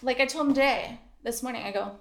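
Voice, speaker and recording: A woman's voice: high voice, fast talker, fairly bright tone, echoey room. A woman co-hosting a podcast in casual chat, frank and profane and laughing often. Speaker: podcast co-host.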